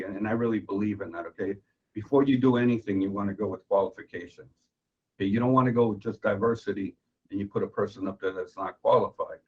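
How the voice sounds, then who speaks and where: A man's voice: medium pitch, husky. A man from Venezuela, a judicial candidate, answering interview questions in an earnest, insistent way and repeating himself as he argues. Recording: dull lo-fi recording.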